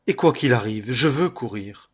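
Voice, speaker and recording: A man's voice: medium pitch, expressive, moderate pace, slightly rough. A man reading the lines of an eager young messenger during a scripture reading. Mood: pleading.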